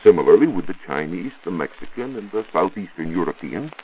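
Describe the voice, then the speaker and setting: Speaking fairly quickly with a low voice and lively intonation, an American science reporter explains topics formally and didactically. It's a scripted 1940s educational talk from a radio studio, heard through a muffled recording with a little hiss or hum.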